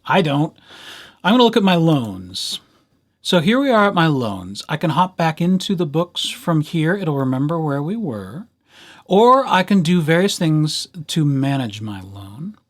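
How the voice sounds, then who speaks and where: This man, whose voice is a little high, sounds very animated yet unhurried. He's giving library users an informal screencast walkthrough, narrating each step with conversational playfulness and occasional asides.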